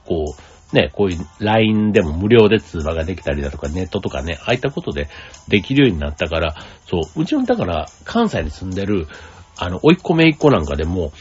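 A man's voice: low voice, very animated, fast talker, a little mellow, slightly rough. A man from Kansai hosting a casual solo talk show, rambling with many fillers and asides. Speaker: podcast host. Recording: slightly dull lo-fi audio with faint music.

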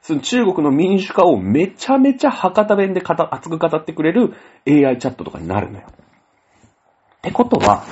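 A man's voice: fairly high pitch, mellow, breathy edge. A man hosting a casual solo talk show, rambling through a story with many fillers. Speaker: host. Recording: dull lo-fi audio.

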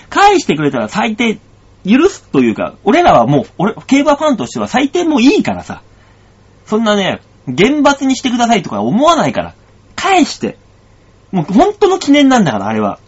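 A man's voice: high voice, husky. A man hosting a radio show as a comedian, telling a story in casual chat and acting out the dialogue. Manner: animated storytelling, acts out dialogue. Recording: dull lo-fi sound.

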